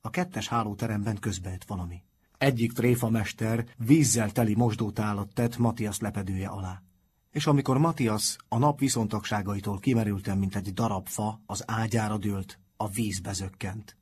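A man with a husky voice narrating a children's book in a calm, steady storytelling manner. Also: fairly low pitch, slight background noise. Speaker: audiobook narrator. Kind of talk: scripted narration.

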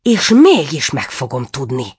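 A woman's voice: a bass voice, wildly swooping pitch, husky, heavily acted. Woman doing a bellowing furious prince. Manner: bellowing, threatening. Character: furious, pompous man, a haughty prince.

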